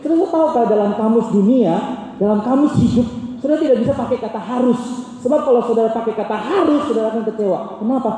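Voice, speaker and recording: A male preacher giving a sermon at a university service, animated and humorous, talking straight to the congregation. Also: extremely high pitch, fast. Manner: animated and humorous, addresses listeners as saudara. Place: university worship hall. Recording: echoey hall, distant mic, faint noise.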